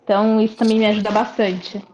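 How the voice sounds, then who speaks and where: A woman with a Brazilian Portuguese accent, a client chatting reflectively in an interview, often pausing to find her words. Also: mid-range voice, level tone, a little mellow. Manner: chatty, reflective, frequent hesitations. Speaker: client giving a testimonial. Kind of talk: casual interview. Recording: muffled lo-fi audio.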